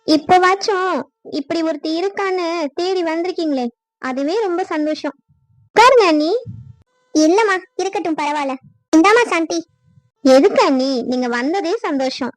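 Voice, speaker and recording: Woman doing cartoon village sisters and wives, pleading and emotional, very high thin voice, dry sound. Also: normal speed, long pauses, no room sound. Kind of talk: cartoon dubbing.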